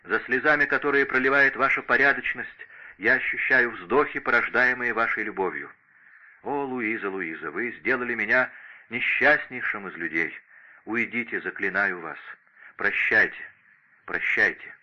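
A man's voice: medium pitch, normal speed, bright, forceful tone, dull audio. A man voicing a heartbroken young nobleman who speaks formally and earnestly in an audiobook. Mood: grieving. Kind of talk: audiobook character reading.

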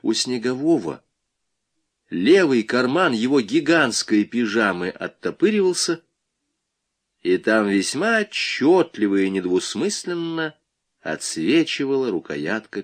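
A man reading a novel aloud as audiobook narration, expressive and lively. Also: lowish voice. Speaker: audiobook reader. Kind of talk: scripted narration.

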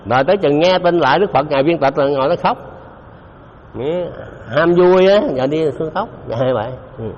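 A man's voice: a little high, fairly quick, a little mellow, slight background noise. A man giving a Buddhist dharma talk, speaking conversationally and often putting questions to his listeners. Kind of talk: dharma talk to a live audience. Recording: dull lo-fi recording in a reverberant hall.

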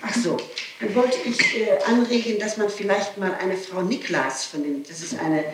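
At normal speed and medium pitch, a woman being questioned by police delivers her statement emphatically, insisting and repeating herself. The echoey interrogation room comes through on noisy, echoey archival tape recorded with a distant mic.

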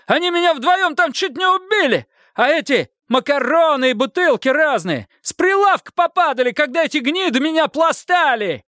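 A man voicing a defiant bald petty thief who squeals and shouts crude slang in a high voice. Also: lively intonation, normal speed, few pauses, no room sound, clean studio sound, full character voice. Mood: shrill protest.

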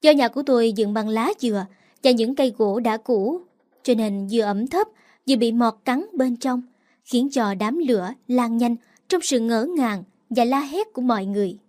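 A woman narrating a first-person dramatic story in a steady storytelling voice. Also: a little high, normal speed. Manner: steady storytelling, quoted lines acted with emotion.

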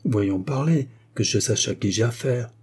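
A man's voice: mid-range voice, animated, unhurried, a little mellow, husky. A man voicing a stern, wealthy American father who questions in a commanding manner. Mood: stern questioning.

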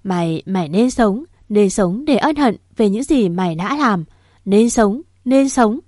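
A woman's voice: medium pitch, expressive, takes it slowly, dry recording, studio quality. A woman voicing a choked, sobbing gang boss. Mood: manic. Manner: choked, shouting through sobs. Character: grieving male gang boss, breaking down.

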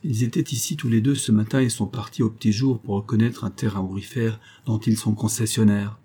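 Man reading old boatman, low voice, humble, eager, husky, storybook audiobook. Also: steady tone, fairly quick, dark tone. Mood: earnest. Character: weathered older male boatman, former convict, devoted.

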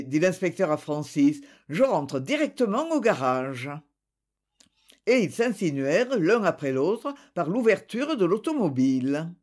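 A man's voice: sits high, darkish tone. A man reading a detective novel aloud as scripted narration, voicing the dialogue with animation. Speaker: audiobook reader.

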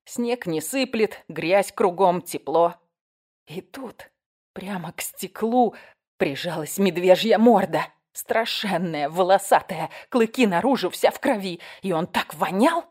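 A woman's voice: lowish voice, lively intonation, unhurried, darkish tone, slightly rough. A woman reading an audiobook, voicing a frightened woman who whines and pleads for help. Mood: scared. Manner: whining, anxious, breathless.

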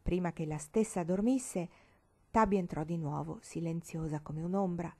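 Una donna che legge un romanzo per ragazze, con lettura regolare ed espressiva. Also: female voice, on the low side, moderate pace, darkish tone. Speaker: reader. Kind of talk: audiobook narration.

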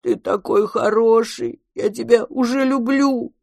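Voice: mid-range voice, a little slow, gravelly, a little mellow, dry recording, studio quality, voice pushed up. A reader voicing a huge, clingy monster child who talks in a tearful, pleading, childlike way in an audiobook. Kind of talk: audiobook character reading.

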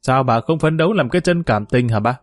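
A man's voice: mid-range voice, animated, a little fast, no echo, lightly acted. A man voicing a bold, outspoken young village woman in a story reading, blunt and cheeky. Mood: teasing. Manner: blunt, cheeky, talking loudly.

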